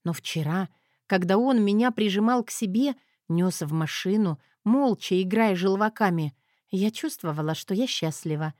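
A woman reading an audiobook in a steady first-person narration. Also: medium pitch, moderate pace, no echo, studio quality. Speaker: audiobook reader.

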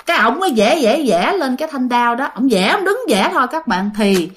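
Casual ghost-story narrator: Southern Vietnamese woman, chatty, slightly high-pitched. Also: big pitch swings, brisk. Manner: chatty, addresses listeners directly, many fillers.

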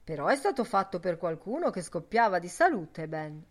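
A woman's voice: on the low side, very animated, normal speed. A woman reading voicing Mister Dedalus, a middle-aged man with a sneering, sardonic manner, in an audiobook.

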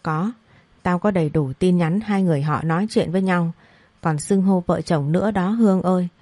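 A woman's voice: on the low side, moderate pace, darkish tone, dry recording, close to an everyday voice. A woman voicing a young wife in an audio story who is a panicked, sobbing best friend, flustered and tearful.

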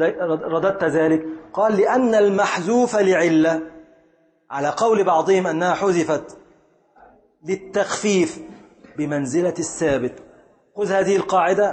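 A man with an Egyptian accent teaching grammar in a lecture, deliberate, repeating his points and quizzing the students. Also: high-pitched. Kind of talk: classroom lecture. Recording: echoey hall reverb.

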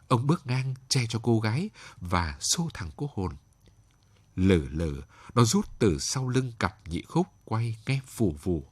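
A man narrating a story in a measured, expressive way for a late-night reading. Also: on the low side, slightly rough, no echo.

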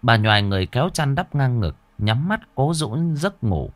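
A man narrating a ghost story in a dramatic, lively way. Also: medium pitch, moderate pace, dry recording.

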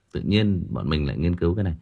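A man's voice: deep voice, vocal fry, slightly rough. A man chatting casually with his audience on a livestream, rambling with frequent hesitations and repeated words. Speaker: audiobook reader chatting with listeners on a livestream.

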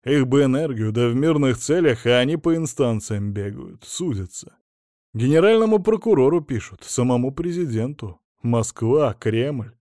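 A man's voice: medium pitch, expressive, normal speed, dark tone, no room sound, clean studio sound, close to an everyday voice. A man voicing a stern middle-aged male police chief who lectures and scolds his subordinate in an audiobook. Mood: lecturing.

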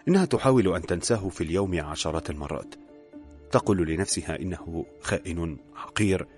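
Deep-voiced man narrating a story. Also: lively intonation, fast talker. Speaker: audiobook narrator. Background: soft music.

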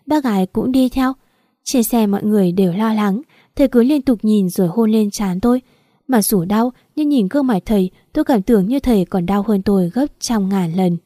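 A woman narrating a first-person romance story in a soft, steady read. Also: mid-range voice, no echo, clean studio sound. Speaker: audiobook narrator.

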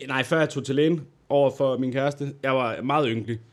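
A man co-hosting a podcast, casually telling a personal story and acting out the people in it. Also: medium pitch. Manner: animated storyteller, acts out quoted voices. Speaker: podcast co-host.

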